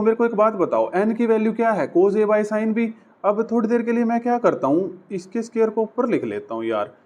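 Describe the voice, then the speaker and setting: A man's voice: sits high, darkish tone. A man teaching maths at a whiteboard, chatty and coaxing, talking through each step. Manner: chatty, coaxing, voices the equations as characters.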